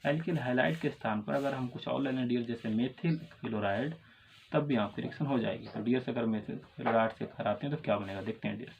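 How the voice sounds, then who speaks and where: The Hindi-speaking North Indian chemistry teacher talks fast, his medium-pitched voice gravelly yet a little mellow. Lecturing, he echoes each question, supplies the answer himself, and repeatedly calls his students "dears." The lo-fi recording is dull, with faint ambience and a slight hiss or hum.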